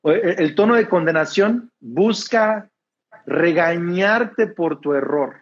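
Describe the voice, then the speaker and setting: A man's voice: high voice, slow, muffled recording. A Mexican man who is a preacher, talking casually in an interview with a smiling, laughing tone. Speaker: preacher, guest.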